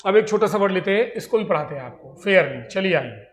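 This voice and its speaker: A man with an Indian accent teaching English grammar in a classroom lecture, explaining in Hindi and reading English examples slowly. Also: sits high, lively intonation, reverberant.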